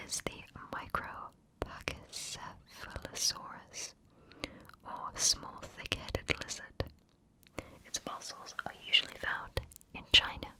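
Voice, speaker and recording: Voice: bright, forceful tone, low-quality recording. An ASMR narrator whispering scripted facts right up close to the listener's ear throughout. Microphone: close ear-to-ear stereo microphone.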